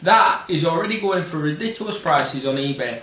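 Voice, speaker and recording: A man's voice: fairly high pitch, expressive, brisk, pushed and bright. A man co-hosting a casual film discussion, opinionated and emphatic, with casual swearing. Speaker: co-host. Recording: roomy echo, distant mic, faint noise.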